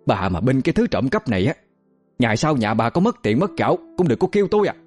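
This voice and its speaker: A spiteful peasant aunt, as a male narrator puts her on, her voice shooting high as she shrieks abuse at a fast clip. The story runs over faint music in the background. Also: sing-song, a little mellow, husky. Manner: screeching, scolding, rapid-fire abuse. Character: shrill, cruel middle-aged peasant aunt.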